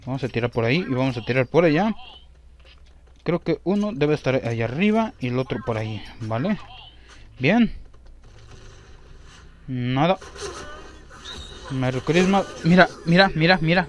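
A young man commentating his own gameplay, excitable and repeating himself as he talks. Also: a little high, normal speed, long pauses.

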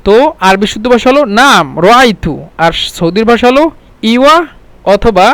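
Man from Bangladesh, high smooth voice, casual language teacher, repeats himself a lot, dry close recording. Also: expressive, a bit bright, no room sound. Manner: explains with many restarts and repeated words, slowing to spell out Arabic words. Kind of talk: casual spoken lesson. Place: home.

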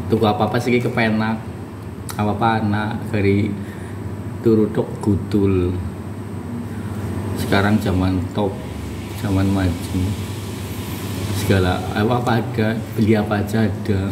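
A man's voice: lowish voice, level tone, a little slow, long pauses. A man in his thirties with a Javanese accent, chatting and preaching through a casual unboxing vlog, filmed on a phone at arm's length in a small room. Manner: chatty, preachy asides, laughs often. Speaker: vlogger. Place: small indoor room with bare walls. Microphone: phone camera at arm's length. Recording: echoey room, distant mic, background noise.

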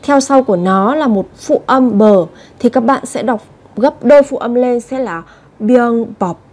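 A woman's voice: on the high side, a little slow, darkish tone. A woman teaching Korean vocabulary, patiently repeating each word and speaking straight to her viewers. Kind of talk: vocabulary lesson explanation.

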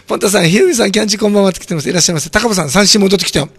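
A hoarse man with a throat cold hosting a community radio show, chatting casually and joking while reading listener comments. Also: high-pitched, racing, noisy background. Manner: chatty, jokey, reacts to comments aloud. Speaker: radio host.

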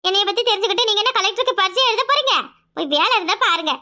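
A woman's voice: extremely high pitch, expressive, racing, heavily acted. Stern young village woman. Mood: curt. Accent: southern Tamil. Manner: curt, sharp-tongued, scolding. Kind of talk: cartoon voice acting.

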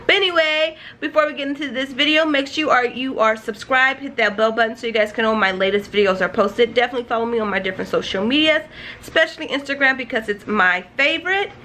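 A cooking vlogger in her thirties hosts a casual, upbeat home cooking video, chatting straight to the camera from her kitchen and a small indoor room. She talks fast with a fairly high, sharp voice, over music and a little hiss or hum.

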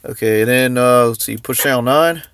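Here the vlogger speaks at medium pitch and normal speed, his voice smooth and a bit bright. He hesitates and thinks out loud through an improvised show-and-tell, shot handheld inside a parked car and just beyond it.

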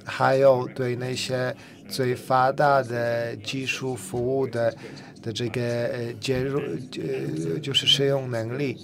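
A man works as a simultaneous interpreter at a panel, his delivery halting and full of fillers and repeated words. His pitch sits in the middle range for a man. The murmur of a conference crowd carries clearly behind him.

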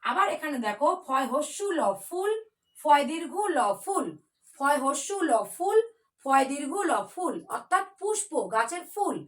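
A woman's voice: high-pitched, animated, moderate pace, a bit bright. A woman teaching a children's spelling class in a patient, coaxing way, spelling words out letter by letter.

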